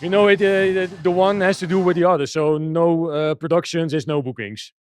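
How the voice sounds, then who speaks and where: Man, Dutch accent, fairly high pitch, hesitant, interview answers. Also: steady tone, a little fast, a little mellow, slight background noise. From Netherlands. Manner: hesitant, many restarts and fillers. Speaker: DJ and techno producer. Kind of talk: casual interview.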